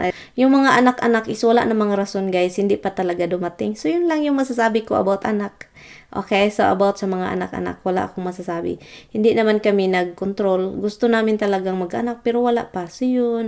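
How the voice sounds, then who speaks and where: A woman's voice: medium pitch, darkish tone. A young woman from the Philippines with a Visayan accent, vlogging casually as she reads viewer comments, chatty, laughing often and mixing languages.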